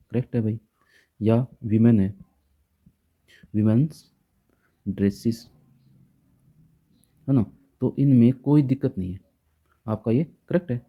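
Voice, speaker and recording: A man explains grammar rules to students. His voice is very dark and sits low in pitch, and his delivery stays patient and unhurried, repeating each point and checking in often. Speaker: grammar teacher. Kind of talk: classroom grammar lesson.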